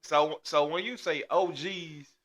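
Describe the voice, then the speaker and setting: A man's voice: a little high, steady tone, slow pace, fairly bright tone. A man, a guest in casual chat, talking earnestly and reflectively with many repeated starts.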